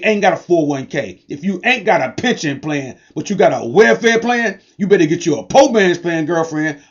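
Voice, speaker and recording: An online business promoter, a high-voiced man, delivers an energetic, hyped sales pitch to camera on a dull lo-fi recording. His style is preachy, with repetitive call-and-response hype in casual slang.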